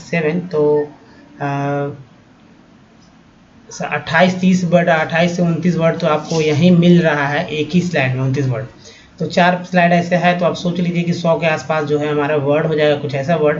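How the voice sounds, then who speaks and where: Patient male tutor walking through slides, slightly high voice, muffled lo-fi sound. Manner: explains patiently, often asks "है ना". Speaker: English teacher. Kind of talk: slide-based language lesson.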